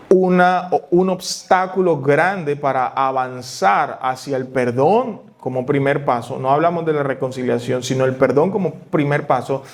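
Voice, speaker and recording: A male pastor giving a sermon, talking it through conversationally and asking and answering his own questions. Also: fairly high pitch. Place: church.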